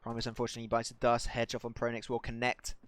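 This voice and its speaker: A man casting a live mobile shooter match, excitable and rising to near shouts on big plays while chatting to viewers. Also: mid-range voice, fast, background noise. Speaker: esports caster. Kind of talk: live game commentary.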